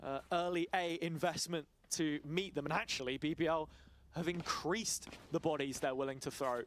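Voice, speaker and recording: Man, esports caster, high-pitched, tactical commentary, background noise throughout. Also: moderate pace. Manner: analytical, rising to excited calls.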